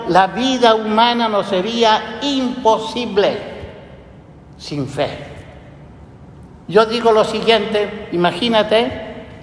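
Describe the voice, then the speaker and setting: A priest giving a sermon in a slow, measured way with pauses and fillers, slightly hoarse. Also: male voice, sits high, a little hiss or hum. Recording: echoey church hall with faint ambience.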